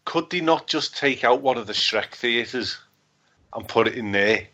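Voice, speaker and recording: Jokey co-host, animated up-and-down voice, easy podcast banter. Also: male voice, mid-range voice, unhurried, lo-fi sound. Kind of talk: casual chat.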